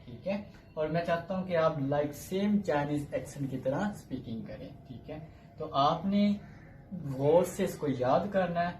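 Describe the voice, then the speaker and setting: A man gives a recorded language lesson at an unhurried, measured pace, sounding out single syllables one by one and repeating them before explaining. His voice rings in a reverberant room, with a faint hiss of ambience underneath. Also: fairly high pitch, lively intonation, darkish tone. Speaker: Chinese language teacher. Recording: echoey room.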